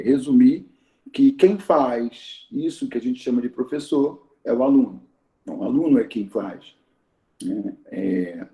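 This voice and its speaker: A man with a Brazilian Portuguese accent teaching in a conversational lecture, explaining slowly and repeating key words, often adding "né?". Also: mid-range voice, mellow. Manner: slow, explanatory, repeats and spells out words, frequent "né?". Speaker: Yoruba culture teacher and Awo Olorixá. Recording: dull roomy recording.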